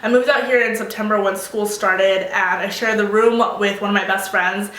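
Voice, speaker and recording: A woman's voice: medium pitch, fairly even intonation, normal speed, fairly bright tone. A young woman vlogging in a casual, chatty style, with a muffled, swallowed-sounding voice from being a little sick with tonsillitis. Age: young adult. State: mildly sick, recovering from tonsillitis. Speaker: video blogger.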